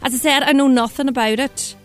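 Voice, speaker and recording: A woman's voice: high voice, steady tone, fast, clean tone, faint music behind, pitched above the performer's own voice, natural voice. A woman voicing a sly male painter-decorator from Donegal with a Donegal accent, who makes wheedling, innocent-sounding excuses. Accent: Donegal Irish.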